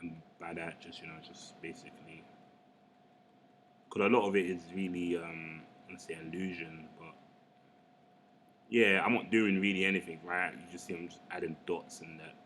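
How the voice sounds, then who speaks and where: A man's voice: sits low, steady tone, normal speed, a bit bright, slight background noise. A young Englishman, chatting casually and rambling with lots of slang while he works on a digital painting. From England. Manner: laid-back, slangy, rambling. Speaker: artist. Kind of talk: casual chat while drawing.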